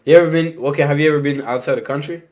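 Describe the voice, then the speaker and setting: Racing along in a voice on the high side, a little mellow and fairly even in intonation, this young Rwandan guest talks casually on a podcast. His first language is a Rwandan language, he also speaks French, and he says "you know what I'm saying" a lot.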